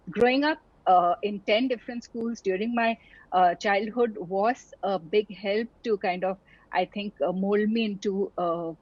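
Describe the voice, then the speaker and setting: A middle-aged Indian doctor appears as an interview guest at an online town hall talk, speaking earnestly in a reflective conversation. Her mid-range voice, free of echo, is full of fillers and restarts. The audio is dull and lo-fi.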